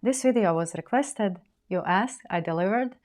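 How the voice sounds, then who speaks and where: A woman hosting a perfume channel, with a raspy voice from a cold, describing scents in a soft, unhurried way. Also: medium pitch. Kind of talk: relaxed perfume review.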